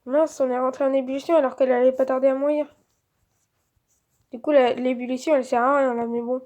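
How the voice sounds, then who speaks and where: A woman's voice: high voice, steady tone, quick pace, a little mellow. A woman giving casual let's-play commentary, chatty and thinking aloud with lots of filler words.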